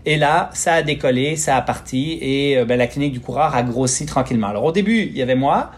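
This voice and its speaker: A man in his forties with a Quebec French accent, a physiotherapist talking as a podcast guest, pausing often with fillers and restarts. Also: mid-range voice. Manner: hesitant, many fillers and restarts. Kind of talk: casual interview talk.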